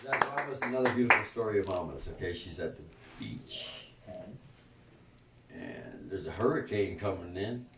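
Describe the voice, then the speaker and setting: A man leading a spiritual gathering, rambling and profane, laughing often and swinging between soft and loud. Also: lowish voice, expressive, moderate pace, heavy background noise. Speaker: spiritual group leader. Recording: echoey room, far from the mic.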